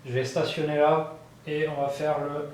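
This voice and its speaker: A man narrating his solo board game playthrough, thinking aloud with many fillers and bursts of excitement at dice rolls. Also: a little high, moderate pace. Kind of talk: casual thinking-aloud gameplay commentary. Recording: very echoey room with faint background noise.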